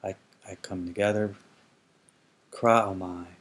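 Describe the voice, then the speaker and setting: Male Greek tutor, deep monotone, slow, hesitant with ums, repeats forms aloud. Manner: slow, careful, repeats words to model pronunciation; hesitant with frequent ums and restarts. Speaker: ancient Greek teacher. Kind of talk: explanatory grammar lesson.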